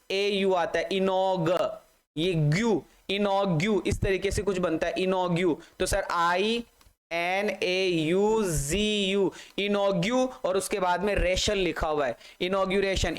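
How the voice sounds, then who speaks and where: A man with a high, clear, smooth voice teaches a vocabulary lesson. He spells each word out slowly, letter by letter, and addresses his students fondly as "beta". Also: poor audio. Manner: spells words out letter by letter, slow and drawn out, calls students "beta".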